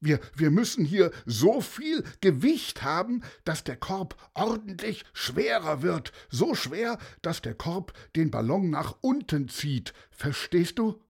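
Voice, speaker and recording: A frightened, desperate balloon pilot stammers anxiously in a raised voice, as a man acts him out in a storybook reading. The tone is a little husky, and it rises and falls a lot. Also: high-pitched, sing-song, slow, few pauses, pitched above the performer's own voice, full character voice.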